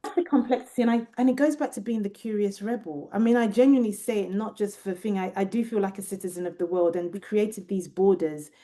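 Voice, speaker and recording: A woman researcher, British Nigerian with a British accent, talks through ideas in an interview, pausing often and restarting many times as she searches for the right words. Her voice is medium-pitched and mellow.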